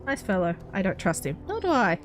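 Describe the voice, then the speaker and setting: A woman's voice: mid-range voice, big pitch swings, fairly quick. Woman doing a let's play, reads the game text, chatty, faint music in the back. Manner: chatty, reacts aloud while playing. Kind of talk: reading game text aloud and commenting.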